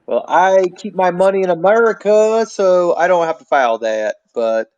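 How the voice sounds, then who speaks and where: A man's voice: high-pitched, expressive, moderate pace, darkish tone, muffled recording. A man hosting a livestream, chatting casually and reading viewer comments aloud. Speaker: livestream host.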